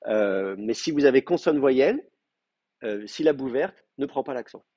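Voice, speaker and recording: A man teaching in a classroom, walking students through grammar in a hesitant, thinking-aloud way. His voice is husky at a middling pitch. The recording is dull and dry, with little room sound. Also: lively intonation, normal speed, warm tone, no echo. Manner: hesitant, many fillers and restarts while explaining. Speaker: Hebrew teacher. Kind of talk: classroom lecture.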